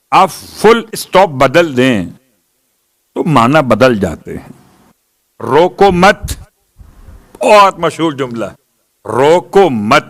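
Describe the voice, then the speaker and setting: A man's voice: medium pitch, fairly bright tone. A man giving a religious sermon, asking questions and answering them himself and reciting Arabic verses with rising emphasis. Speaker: Shia preacher.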